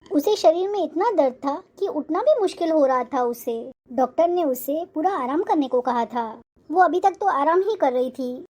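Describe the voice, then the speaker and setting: A woman giving scripted storybook narration in a sympathetic, measured way. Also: sits high, darkish tone.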